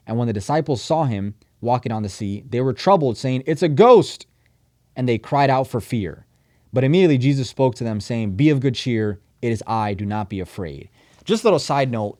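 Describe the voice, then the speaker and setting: A man's voice: medium pitch, a little mellow. Conversational man preaching a sermon. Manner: conversational preaching, acts out quoted voices, rises and drops in volume. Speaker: pastor.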